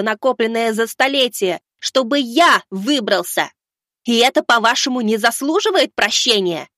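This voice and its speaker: A man voicing a stubborn, righteous young boy who shouts back in indignant defiance. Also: extremely high pitch, no echo, studio quality, voice pushed up, full character voice.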